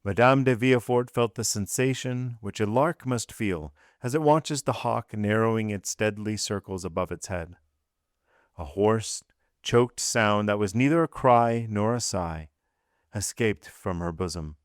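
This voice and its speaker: A man narrating a classic novel as an audiobook in a measured, even way. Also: on the low side, dry recording, studio quality.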